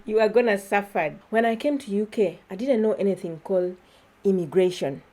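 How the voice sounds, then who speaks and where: A woman's voice: mid-range voice, a little slow, dark tone. Chatty woman vlogging. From Uganda. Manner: chatty, laughs often, keeps addressing viewers as guys. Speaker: YouTuber. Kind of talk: casual vlog monologue.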